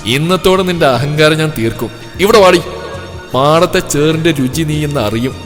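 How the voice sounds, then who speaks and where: A man voicing a blunt, hot-tempered young village man who teases and scolds loudly. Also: medium pitch, moderate pace, lightly acted. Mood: angry. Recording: long reverb with soft music.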